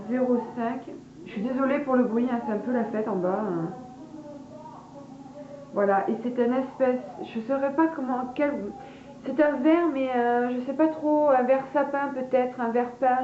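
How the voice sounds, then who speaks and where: A woman's voice: sits high, steady tone, unhurried. A woman beauty vlogger chatting casually through a product haul, hesitant with many fillers and addressing her viewers as girls. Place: room at home, party noise from below. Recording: echoey room, dull lo-fi sound, faint party noise.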